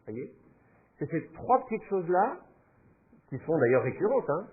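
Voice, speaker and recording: A man's voice: on the high side, sing-song, measured pace, narrow, tinny audio, a little hiss or hum. A man teaching a class, explaining patiently and thinking aloud with fillers as he goes. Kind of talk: classroom lecture.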